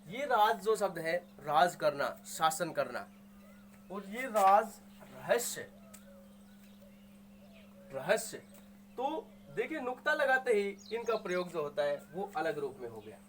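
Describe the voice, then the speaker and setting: This man's high voice is very animated and fairly bright, moving at a moderate pace as he teaches Hindi grammar to his students. Each word gets sounded out and patiently repeated, and he answers his own questions. Slight background noise is present.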